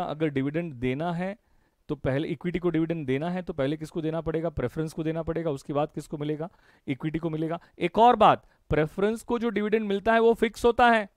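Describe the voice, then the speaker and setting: Teasing Indian teacher, dry and high-ish. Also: male voice, a little mellow, no echo. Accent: Indian English. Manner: teasing, calls students by name and answers own questions; repeats key phrases in call-and-response drills. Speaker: commerce teacher. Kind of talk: live online revision lecture.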